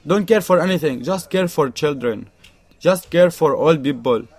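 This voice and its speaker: With a husky, darkish voice on the high side, a young Syrian man gives expressive refugee testimony in an interview at a moderate pace. His English is broken, shaped by a Syrian Arabic accent and non-native grammar, and he speaks earnestly and emphatically, repeating his points.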